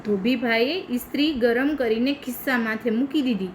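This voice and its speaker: Woman from India, primary teacher, reads story aloud, patient explanations, highish voice, faint noise. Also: moderate pace, rough recording.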